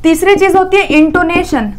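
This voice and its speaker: High pitched woman teacher doing an exam prep lecture, keeps asking a question then answering it. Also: moderate pace, music in the background. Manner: explanatory, repeats "theek hai" often.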